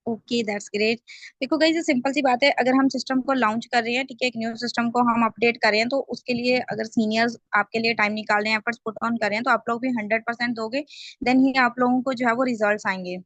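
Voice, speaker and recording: A woman's voice: fairly high pitch, fairly even intonation, quick pace, fairly bright tone, no room sound. A woman sales trainer on a video call, explaining step by step and often checking in with the group. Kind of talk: online team training call.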